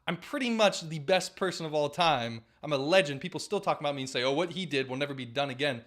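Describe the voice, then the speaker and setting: A man's voice: a little high, fast, a bit bright, natural voice. A young man putting on the voice of a boastful, whiny old baseball legend in a comedy bit. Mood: bragging. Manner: whiny, bragging.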